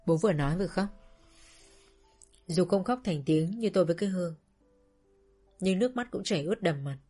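A woman with a lowish voice reads a first-person story aloud, slow and sorrowful in tone. Soft music runs quietly underneath. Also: animated. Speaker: narrator.

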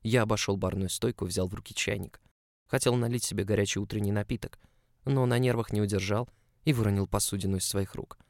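A man's voice: lowish voice, fairly even intonation, fast talker, dry recording, studio quality. A man narrating a first-person story aloud in an emotional, confessional way. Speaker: audiobook narrator.

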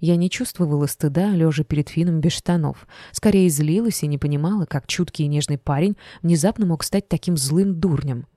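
A woman narrating a first-person audiobook in an expressive storytelling voice. Her tone is mellow and somewhat low, and the close mic sounds dry with no room sound at all. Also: a little fast, few pauses, no echo.

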